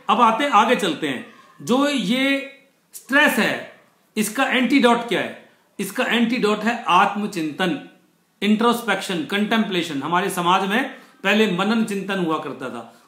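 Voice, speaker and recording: A man with a fairly high voice gives a motivational lecture in an online session. He explains step by step, slows down to stress key words and slips English phrases in. The sound is roomy, with an echo around him. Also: a bit bright. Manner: mixes English phrases into his talk. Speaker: motivational speaker.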